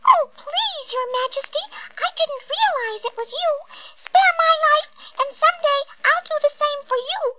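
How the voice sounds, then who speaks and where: A woman voicing a tiny, polite, eager female mouse in a very high, squeaky voice. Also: lively intonation, a little slow, hardly any pauses, pushed and bright, slight background noise, exaggerated voice, low-quality recording. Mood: pleading.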